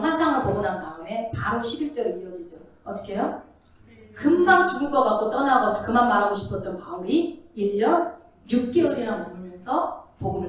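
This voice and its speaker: A woman pastor preaching a lively sermon, now and then acting out the voices of biblical figures as she tells their stories. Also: a little high, slight background noise. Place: church sanctuary. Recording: echoey church hall, mic at a distance.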